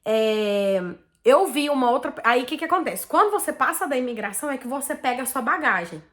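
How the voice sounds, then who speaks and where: A high-pitched, fairly quick woman's voice belongs to a Brazilian vlogger telling her followers about something from her own life. She chats casually and with lots of energy, her Brazilian Portuguese accent clear, and keeps dropping "tipo assim" and "né."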